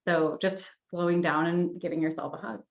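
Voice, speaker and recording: Gentle low-voiced woman, roomy dull audio. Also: steady tone, moderate pace, creaky. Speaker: guest, sex and somatics coach. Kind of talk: casual podcast interview.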